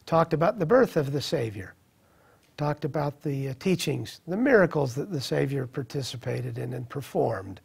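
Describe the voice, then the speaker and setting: A middle-aged man telling a personal testimony in an earnest, reflective way, with halting restarts. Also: medium pitch, animated, vocal fry, a little mellow, slightly rough. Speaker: speaker sharing a personal testimony. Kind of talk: personal storytelling.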